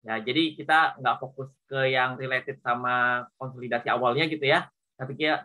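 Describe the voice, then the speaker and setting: An accounting lecturer with an Indonesian accent teaches informally, explaining worked problems step by step and often repeating points with small confirming tags. His medium-pitched voice is bright and forceful, though the audio is poor.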